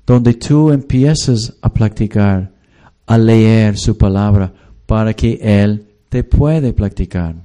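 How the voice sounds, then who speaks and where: A man's voice: mid-range voice, warm tone. A man preaching a sermon as a pastor, reading scripture aloud and acting out everyday voices. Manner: slow, reads scripture and acts out everyday voices.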